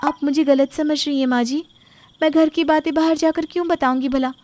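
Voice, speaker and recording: A woman's voice: sits high, steady tone, fairly quick, background noise, lightly acted. A woman voicing a young new bride who earnestly pleads her innocence. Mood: pleading.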